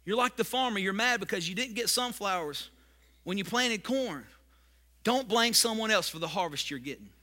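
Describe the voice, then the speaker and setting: A man preaching a sermon as pastor, with repetitive points that build to loud emphasis. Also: sits high, animated, normal speed.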